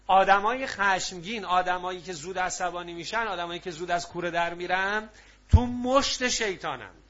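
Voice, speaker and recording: Male preacher, fairly high and bright voice, lively call-and-response delivery, dull lo-fi sound. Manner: lively, prompts audience to answer. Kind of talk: religious talk to a live audience.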